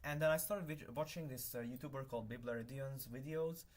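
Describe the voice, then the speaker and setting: On a live stream, a young man with Hungarian as his first language talks casually while working, his medium-pitched voice moving fairly quickly. He rambles, corrects himself a lot, and fills gaps with plenty of fillers.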